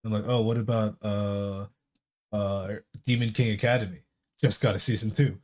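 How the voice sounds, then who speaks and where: Laid-back man with a lowish voice. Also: fairly even intonation, moderate pace, darkish tone. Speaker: podcast co-host. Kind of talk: casual chat.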